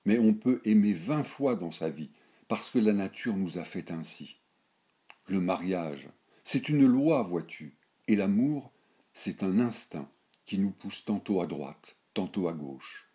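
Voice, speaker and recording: A man's voice: low voice, animated, unhurried, mellow. A man voicing an indignant, worldly old grandmother of noble birth who lectures her granddaughter in a scornful, declamatory way in a storybook reading. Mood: lecturing.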